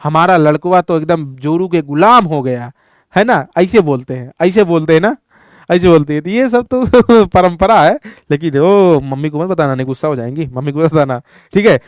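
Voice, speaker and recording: A male teacher chats through a lesson, joking and teasing his students. His voice is high and clear. The sound is dry and close. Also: expressive, normal speed, a little mellow, no room sound. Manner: playful, teasing, asks students questions. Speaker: Hindi teacher. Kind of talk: casual lesson explanation.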